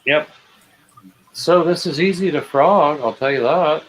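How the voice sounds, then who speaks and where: A man's voice: a little high, unhurried, a little hiss or hum, poor audio. A man in his fifties hosting a casual knitting livestream, hesitant and self-deprecating, with dry jokes and many restarts. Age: 50s. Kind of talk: casual chat while knitting.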